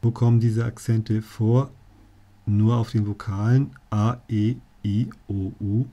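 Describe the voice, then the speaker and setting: A man's voice: fairly low pitch, little pitch movement, takes it slowly, mellow, highs cut off. A male teacher explaining spelling rules to learners, with dry jokey asides. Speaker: language teacher.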